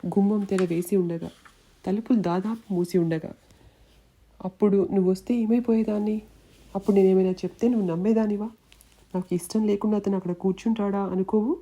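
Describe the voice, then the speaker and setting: A woman's voice: medium pitch, steady tone, a little fast, mellow, lightly acted. A woman voicing a loyal young woman who comforts her weeping friend in a soothing, urgent way, in a storybook reading. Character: anxious loyal female friend, consoling.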